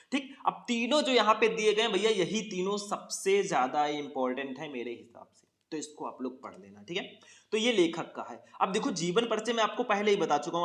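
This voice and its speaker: A man's voice: a little high, fairly bright tone. A male teacher from walks students through an exam paper. He explains each verse line by line and often calls them 'bhaiya'. The sound is echoey, as if from a bare room. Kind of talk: exam paper walkthrough lesson.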